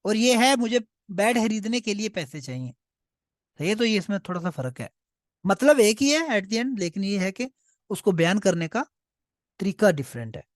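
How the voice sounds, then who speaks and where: A man's voice: sits high, very animated, normal speed, no room sound. Punjabi accent guy teaching a class, keeps asking ok?, dry close sound. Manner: explains step by step, often checks "okay?". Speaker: German teacher. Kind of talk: language class explanation.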